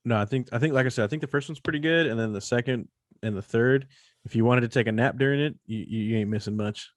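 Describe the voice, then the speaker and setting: A man's voice: mid-range voice, quick pace, no echo, clean studio sound. A man co-hosting a casual podcast, slangy and profane, joking with his co-host. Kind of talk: casual chat.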